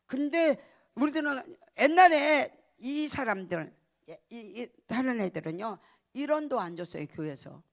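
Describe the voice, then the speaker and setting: A middle-aged woman pastor gives a sermon, emotionally telling a personal story at a measured pace. Her fairly high, expressive voice swings from loud, emphatic lines to hushed ones that are almost whispered.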